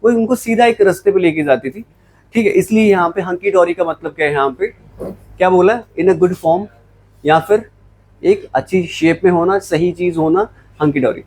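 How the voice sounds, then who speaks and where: A man's voice: high-pitched, moderate pace, darkish tone, rough recording. A man teaching English words in a classroom lecture, mixing Hindi with English and asking and answering his own questions. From Jammu, India.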